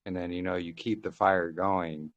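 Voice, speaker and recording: A man's voice: low voice, steady tone, normal speed, dry recording. A man on a thin, fading call line, joining a Bible study discussion and explaining points at length while quoting scripture and restarting his phrases. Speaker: Bible study group member. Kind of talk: casual group discussion on a call. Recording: dull, dry lo-fi call audio.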